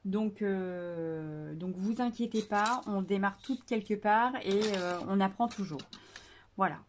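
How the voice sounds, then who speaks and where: A woman's voice: mid-range voice, slow, a little hiss or hum. Chatty woman hosting a craft tutorial. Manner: chatty, hesitant with many fillers, self-deprecating. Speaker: scrapbooking tutorial host.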